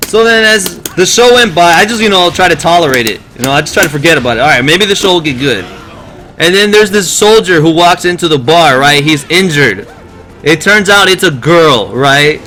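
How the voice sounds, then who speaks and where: Man, high voice, sharp bright tone, profane, exasperated rant, casual stream talk. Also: normal speed, soft background music. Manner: profane, exasperated, animated storytelling.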